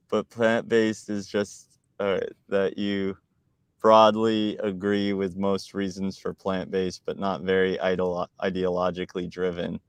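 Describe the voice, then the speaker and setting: A man's voice: fairly low pitch, clear, resonant tone, no echo. A man co-hosting a live stream, chatting casually, talkative and argumentative, often laughing and restarting his words.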